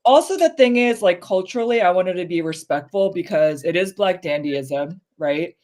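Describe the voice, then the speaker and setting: A woman co-hosting a casual chat show, speaking candidly and with strong opinions, full of fillers, her pitch rising when she stresses a point. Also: lively intonation, moderate pace, darkish tone. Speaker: podcast co-host.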